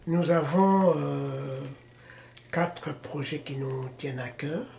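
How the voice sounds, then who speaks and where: A man from the Democratic Republic of the Congo with a Congolese French accent, answering interview questions haltingly, with many fillers and restarts. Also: on the high side, vocal fry, a little mellow. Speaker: interviewee, political party founder. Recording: echoey room with faint noise.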